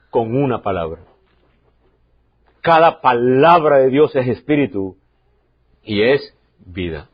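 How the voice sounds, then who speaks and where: A man preaching a sermon as pastor, emphatic, repeating key lines and swinging from loud to quiet. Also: medium pitch, breathy edge, muffled recording. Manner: emphatic preaching, repeats key phrases, varies loudness sharply.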